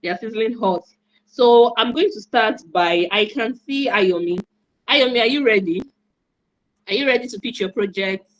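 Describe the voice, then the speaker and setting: A woman's voice: a little high, moderate pace, rough recording. A woman from Nigeria, hosting an online event in an enthusiastic, repetitive, encouraging way over a video call. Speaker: host and moderator.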